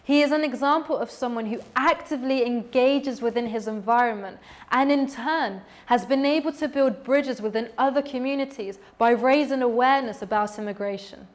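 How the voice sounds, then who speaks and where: A woman narrates a documentary from a script, her voice sitting fairly high. She speaks in a measured, formal way. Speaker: documentary presenter.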